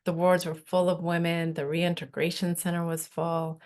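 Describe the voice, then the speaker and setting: A woman, a nonprofit executive director and midwife, giving an earnest, measured presentation at a virtual event. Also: lowish voice, little pitch movement, a little mellow.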